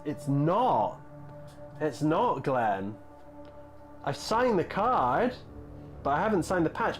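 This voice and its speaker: Thirties male hobby streamer, relaxed and rambling, average pitch, soft music bed behind. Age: 30s. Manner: chatty, rambling, answers chat messages. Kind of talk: casual live-stream chat.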